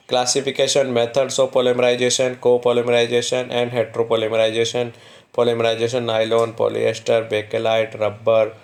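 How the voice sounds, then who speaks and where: A male teacher walking students through a syllabus, reading topic names slowly and explaining quickly in between. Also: medium pitch. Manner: reads English topic names slowly, explains in fast Hindi; repeats "ठीक है" to check in with students. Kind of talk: exam syllabus walkthrough.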